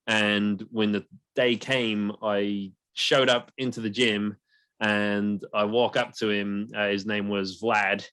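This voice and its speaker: Young male podcast host, lowish, dry, rambling anecdotal delivery. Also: flat delivery, slow, a bit bright, smooth, no echo. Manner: storytelling, many restarts and fillers. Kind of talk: casual podcast chat.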